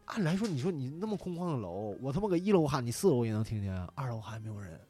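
A man telling a story in casual chat, animated and swearing, shouting out parts of the tale. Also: medium pitch, quick pace, soft background music. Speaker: podcast guest.

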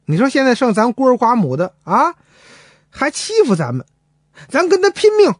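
A man's voice: very high voice, animated, moderate pace, dry recording, clean studio sound, voice pushed up. A man voicing an elderly widowed mother dragon, protective and stern. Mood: defiant.

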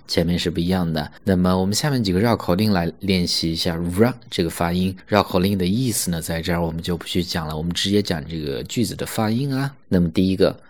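A man teaching English pronunciation in an online lesson, slowly stretching out English words to demonstrate them. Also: sits low. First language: Mandarin Chinese.

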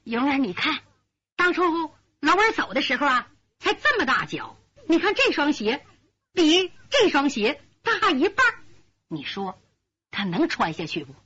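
A woman doing a teary old mother, fussy, high and lively, lo-fi. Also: unhurried, full character voice. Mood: tearful. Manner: fussing, trembling with joy. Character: elderly mother, tearful and doting.

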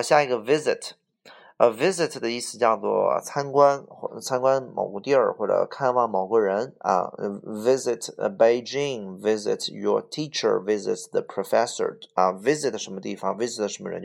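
A man teaches a vocabulary lesson. His voice sits a little low and has a gravelly edge. He works through the list word by word and repeats each English word several times. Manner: explains word by word, repeats English words with Chinese fillers.

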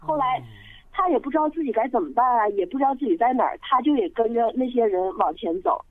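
A woman's voice: fairly high pitch, animated, fast, no room sound. Sichuan woman calling in, tells a spooky story step by step, lots of ums, thin phone sound. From Sichuan, China. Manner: hesitant, many fillers, orderly storytelling. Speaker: radio call-in listener. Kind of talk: telling a ghost story on the phone. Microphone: telephone. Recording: tinny dry phone line.

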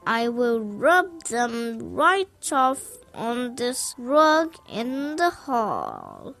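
A woman voicing a playful, boastful male cat in a hat for a read-aloud picture book, drawing out his words in a slow, sing-song way. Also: a little high, wildly swooping pitch, vocal fry, fairly bright tone, faint music behind, voice pushed up, heavily acted. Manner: slow, drawn-out, sing-song storybook delivery.

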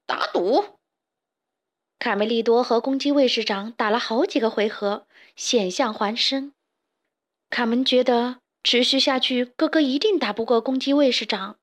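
A woman narrating a children's storybook in a clear, lively storytelling manner. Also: a little high.

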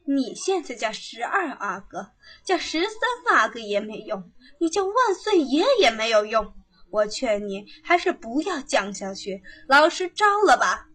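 A woman's voice: on the high side, very animated, measured pace, fairly bright tone, full character voice. A woman playing a cruel old female palace servant who taunts and bullies a prisoner. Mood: menacing. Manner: taunting, bullying. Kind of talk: period palace drama acting.

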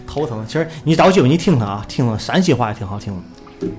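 A man's voice: medium pitch, animated, quick pace, darkish tone, faint music behind. A man with a Tianjin accent hosting a casual talk show, speaking colloquially and acting out bits of local dialect. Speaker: show host. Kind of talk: casual chat.

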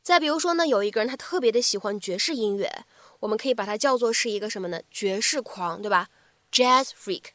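A woman English teacher giving a spoken English lesson, lively, explaining in short chunks and repeating phrases slowly. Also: mid-range voice, no room sound.

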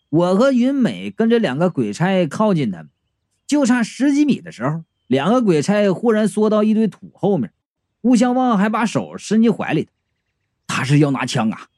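A man's voice: sits high, a little mellow, dry recording, studio quality. A man narrating a comic audiobook in first person, wry and chatty.

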